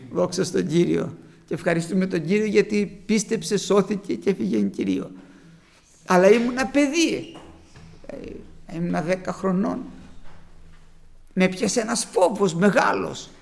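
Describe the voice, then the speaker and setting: A man's voice: high voice, gravelly. A man preaching a testimony sermon to his congregation, telling a childhood story with fervent, rising emphasis.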